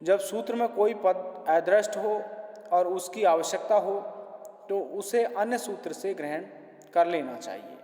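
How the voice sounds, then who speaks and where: Slow, high-voiced male lecturer in an echoey hall. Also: animated, mellow. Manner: patient, repeats each point in simpler words. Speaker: college lecturer. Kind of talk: classroom lecture explaining grammar rules.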